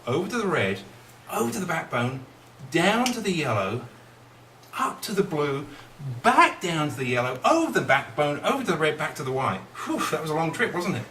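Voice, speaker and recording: A man's voice: fairly high pitch, very animated, a little fast, sharp tone. A middle-aged man performing as a kids' party magician, with playful patter that coaxes the young audience along with questions. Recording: roomy, distant mic, faint noise.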